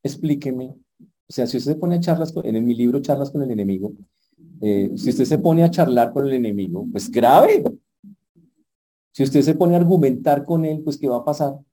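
A man preaching a sermon in a direct, humorous way, swinging from quiet asides to loud emphasis. His voice is very dark and mellow, with a husky grain. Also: medium pitch, expressive, normal speed, low-quality recording.

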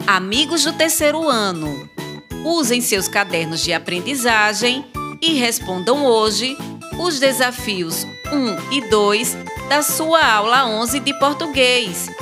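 Slow-speaking woman presenting a children's lesson. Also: fairly high pitch, animated, music in the background. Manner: warm, addresses children directly. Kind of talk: scripted narration for children.

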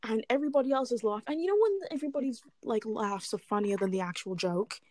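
A young woman chatting casually, telling a story in an animated way and laughing along. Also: fairly high pitch, fast, dry recording. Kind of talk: casual chat.

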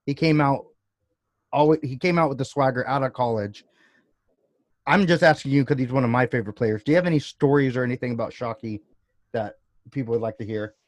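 A man's voice: mid-range voice, fairly quick, pauses often, dry recording. A man hosting a casual sports podcast, asking loose, rambling questions full of restarts. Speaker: podcast host. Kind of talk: casual interview chat.

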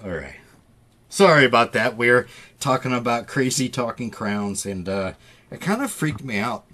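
A man's voice: mid-range voice, animated, normal speed, pushed and bright. A middle-aged man from the Midwest co-hosting a podcast in casual chat, stammering through restarts and laughing easily. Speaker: podcast co-host.

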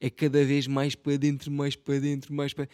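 A man's voice: fairly high pitch, monotone, a little fast, darkish tone, clean tone, dry recording, clean studio sound. A young man with a European Portuguese accent, rambling through a casual solo podcast in a self-mocking, slangy and profane way. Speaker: podcast host.

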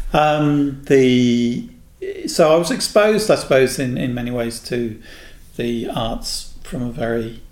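A man in his sixties from England, a guest in an interview, telling unhurried stories about his past. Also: medium pitch, creaky. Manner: unhurried, anecdotal storyteller. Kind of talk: reminiscing in a casual interview. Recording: echoey room with faint noise.

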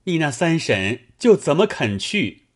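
A man's voice: on the high side, big pitch swings, unhurried, voice pushed up. A man voicing a lovestruck, hot-tempered young male scholar who speaks in an anguished, demanding way. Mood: distraught.

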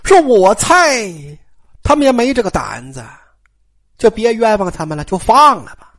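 A storyteller voicing a shrewd, sharp-tongued noble lady who drawls and complains. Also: mid-range voice, very animated, normal speed. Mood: complaining.

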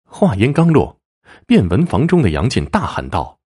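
A man narrating a story dramatically, swinging between low murmurs and raised bursts. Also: wildly swooping pitch, moderate pace, dark tone, husky.

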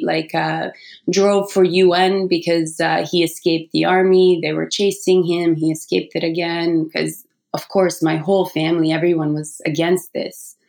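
A woman's voice: lowish voice, vocal fry, a little mellow. A woman, telling her personal story informally as an interview guest. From Bosnia, born in Sarajevo. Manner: informal, peppers speech with "like". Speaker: podcast guest, yoga teacher.

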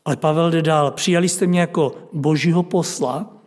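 High-voiced preacher in an echoing hall. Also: male voice, steady tone, darkish tone. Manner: reads scripture aloud with rising emphasis; asks the listeners questions. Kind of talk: Bible study sermon. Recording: long hall reverb.

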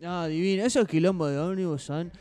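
A young man with a Uruguayan Spanish accent, chatting casually and recounting an anecdote in a relaxed, rambling way. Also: on the high side, brisk, clean tone. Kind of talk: casual chat, storytelling.

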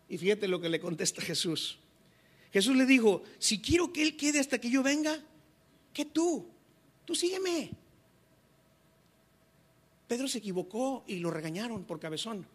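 A man's voice: sits high, a bit bright. A male pastor preaching a sermon, acting out quoted dialogue with restarts.

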